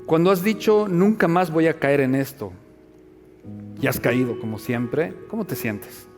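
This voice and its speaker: A male pastor preaching a sermon, moving between hushed, searching questions and loud, emphatic passages. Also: on the high side, lively intonation, unhurried, long reverb tail, faint music behind.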